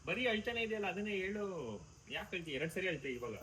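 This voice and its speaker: Animated, quick-talking man. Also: high-pitched, slight background noise, low-quality recording. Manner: animated, urging. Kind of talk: casual family chat.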